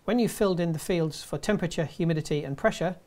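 A man's voice: fairly high pitch, a little mellow. Man narrating step-by-step instructions. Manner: measured step-by-step delivery. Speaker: presenter.

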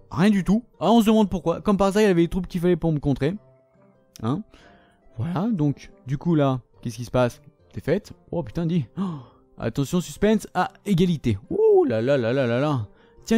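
A man talks through his gaming session with plain exasperation and heavy sarcasm, swearing freely. His voice sits a little higher than most men's. The sound is dry and close, with light music underneath. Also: warm tone, no room sound. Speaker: gaming channel host. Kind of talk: casual gameplay commentary.

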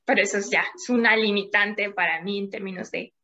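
A woman's voice: mid-range voice, fairly even intonation, fairly quick, sharp tone, dull audio. A young adult Mexican woman, a climate scientist, talking at length as an interview guest with small laughs in between, over a video call. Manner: thoughtful, explains at length with little laughs. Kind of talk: casual interview chat.

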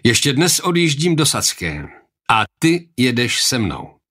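Male reader as a steady, reproachful nobleman; low, measured, authoritative. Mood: commanding.

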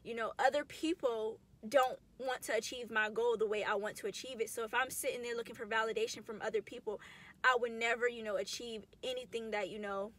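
A woman's voice: a little high, steady tone, brisk, fairly bright tone. A woman in her mid twenties talking casually to camera in a vlog, chatty, slangy and emotional. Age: 20s. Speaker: vlogger. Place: in a car.

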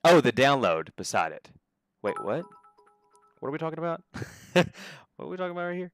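A man's voice: a little high, normal speed, faint music behind. A young man livestreaming, chatting jokily through gameplay commentary and laughing often. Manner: excitable, laughs often, jokey.

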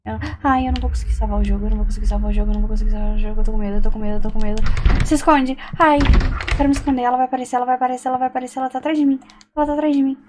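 A woman's voice: high-pitched, steady tone, rapid-fire, background noise. A Brazilian woman streaming a horror game, talking nervously to herself and the game and reading notes aloud. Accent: Brazilian Portuguese. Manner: jittery, talks to herself and the game, frightened exclamations. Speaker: gaming streamer.

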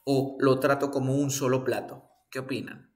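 A man's voice: medium pitch, level tone, normal speed. A man teaching an online English class in Spanish, explaining patiently and often asking his students questions.

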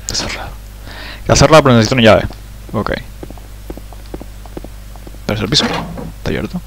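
Excitable swearing horror-game commentator man. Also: medium pitch, moderate pace, gravelly, husky. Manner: drops English exclamations into his talk. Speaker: let's play gamer.

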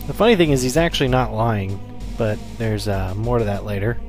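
Offhand man commentating over loud game music. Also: fairly low pitch, a little fast. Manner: offhand, wry, explanatory. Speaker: let's play host. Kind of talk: casual video game commentary.

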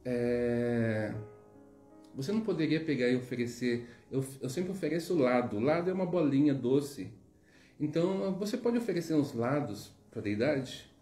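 Devout dad, earnest and questioning, voiced by a man in a mellow tone; echoey room, light music. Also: mid-range voice, animated, moderate pace, natural voice. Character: devout father, puzzled then moved. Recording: roomy echo, faint music.

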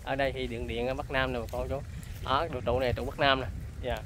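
A man's voice: mid-range voice, little pitch movement, quick pace, background noise. A man with a Southern Vietnamese accent, chatting casually to his viewers while filming outdoors in the countryside. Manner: chatty, keeps addressing viewers as folks. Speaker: vlogger. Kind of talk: casual on-location vlog chat. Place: rural outdoors near buffalo and water.

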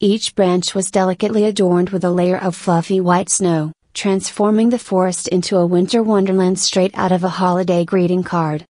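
Mellow-voiced woman narrating a hike. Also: on the low side, level tone, normal speed, hardly any pauses, dry recording. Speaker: vlog narrator. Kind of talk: scripted voice-over narration.

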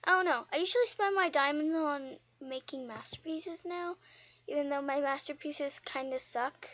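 A young woman chatting casually while playing an online game, rambling and quick to get indignant. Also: high-pitched, fairly bright tone, dull audio. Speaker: game video host. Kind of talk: casual gameplay commentary.

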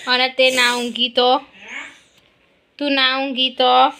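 A woman's voice: high-pitched, little pitch movement, takes it slowly, gravelly, sharp tone, a little hiss or hum. A young woman from Gujarat, a mother vlogging at home, talking to her small child and the camera in a playful, teasing, coaxing sing-song way. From Gujarat, India. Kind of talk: casual home vlog chat.

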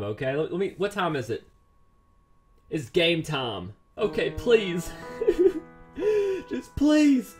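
A man commentating his own game play as a YouTuber, excitable, pleading and quickly exasperated over his luck. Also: high voice. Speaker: gaming YouTuber.

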